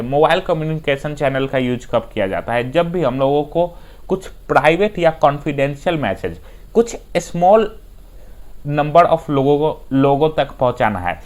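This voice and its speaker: A man tutoring in a lecture style, reading English points with an Indian accent and then explaining them in Hindi. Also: a little high. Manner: unhurried explainer who often starts with "dekhiye".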